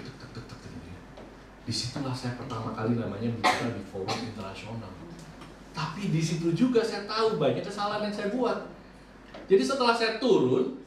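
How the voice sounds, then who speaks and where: A man preaching a sermon, telling lively personal stories and acting out his own remarks. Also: medium pitch. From Indonesia. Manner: lively storytelling, acts out his own quoted lines. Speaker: bishop preaching. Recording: echoey hall from far off, faint noise.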